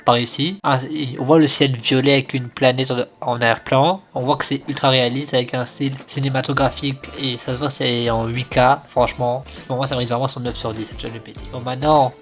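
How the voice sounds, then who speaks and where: A man's voice: medium pitch, level tone, fairly quick, hardly any pauses, soft background music. A young man giving casual, slangy commentary as he tests image tools, often hesitating and restarting his sentences. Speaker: YouTuber testing image tools. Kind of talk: casual screen-recording commentary.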